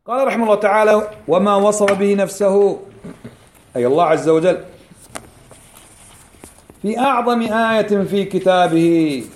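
A man teaching a religious lesson, repeating key phrases slowly and quizzing his class. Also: high-pitched. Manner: quizzes the class with quick questions.

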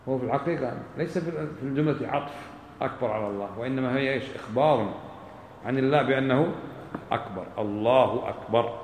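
A man's voice: medium pitch, fast, roomy sound, slight background noise, low-quality recording. A man teaching a religious lesson, explaining rulings by asking questions and answering them himself. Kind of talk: classroom lesson on prayer rulings.

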